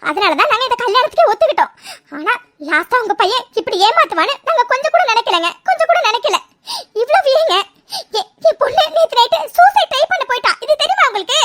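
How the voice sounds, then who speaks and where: A woman's voice: very high voice, very animated, quick pace, a bit bright, heavily acted. A woman voicing a tearful mother who pleads and stammers as she begs another family to accept her daughter's marriage. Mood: pleading.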